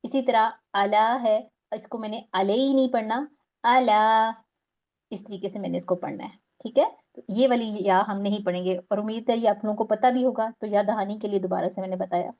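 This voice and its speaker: A woman's voice: mid-range voice, fairly even intonation, fairly quick, hardly any pauses, mellow. A woman teaching a recitation class, explaining patiently step by step and drawing out example words.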